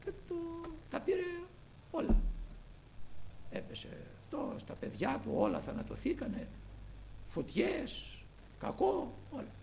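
A man preaching a sermon, telling scripture stories with passion, swinging from loud declamation to hushed reverence. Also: very high voice, huge pitch swings, creaky, long pauses, slight background noise. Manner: impassioned, dramatic storytelling with swings from loud to hushed.

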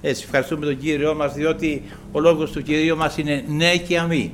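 A man preaching a sermon to his congregation, halting often with filler sounds and repeating praise to the Lord. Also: a little high, flat delivery, a little hiss or hum.

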